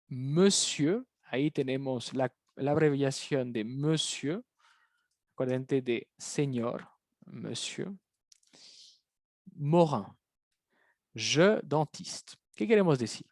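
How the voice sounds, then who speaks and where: This online language lesson features a man whose voice is on the high side and a bit mellow, captured as a dry, clean studio recording. Explaining in Spanish, he reviews French and patiently repeats phrases for his students.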